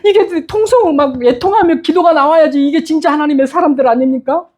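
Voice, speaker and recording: A man's voice: extremely high pitch, fairly quick, darkish tone. A male pastor preaching a sermon with passion, repeating his points for emphasis and acting out other people's words. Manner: impassioned, with emphatic repetition; acts out quoted speech of others. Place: church.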